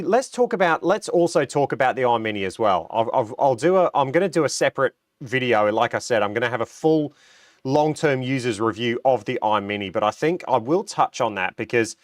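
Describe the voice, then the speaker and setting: A man's voice: medium pitch, lively intonation, a little fast, dry recording, clean studio sound. A middle-aged Australian man hosting a casual livestream, a little nasal from a cold, chatting and reading out viewer comments with plenty of ums and restarts. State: recovering from a cold, a bit nasal. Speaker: livestream host.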